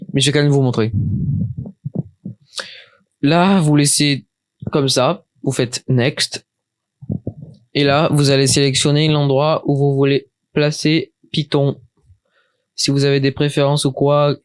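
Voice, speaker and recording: A man's voice: medium pitch, no echo. A man talking through a casual computer tutorial from his desk, chatty and hesitant, often stopping and starting again. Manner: hesitant, many restarts and fillers, chatty. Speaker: tutorial maker. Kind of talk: casual screen-recorded software tutorial.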